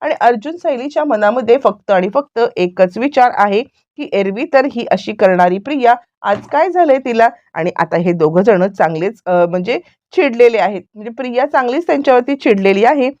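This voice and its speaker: A woman's voice: a little high, animated, normal speed, few pauses, darkish tone, no room sound, lo-fi sound. A woman casually retelling a TV serial episode and talking straight to her viewers. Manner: chatty, addresses viewers directly. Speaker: serial recap narrator.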